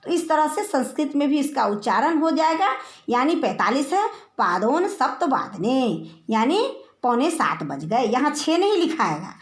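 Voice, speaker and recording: A woman teacher explaining a recorded lesson to children slowly, repeating each term. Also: high voice, very animated, echoey room. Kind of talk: recorded online class lesson.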